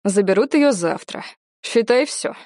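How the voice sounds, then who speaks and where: A woman doing a bossy middle-aged uncle who lays down the law in slow, heavy words. The voice is dark and mellow, dry and close. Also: on the high side, expressive, dry recording. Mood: domineering.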